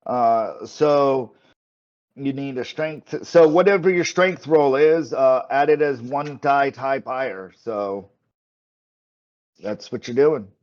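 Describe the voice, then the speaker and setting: Man, game master, mid-pitched, halting improvised narration, repeated words, slightly dull recording. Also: a little mellow.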